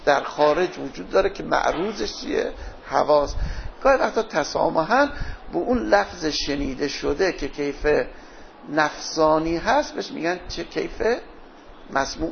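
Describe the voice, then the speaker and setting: A man lectures on philosophy in a gravelly voice pitched a little high. He keeps posing questions to the class and answering them himself. The recording sounds dull and lo-fi. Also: expressive, slight background noise. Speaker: teacher.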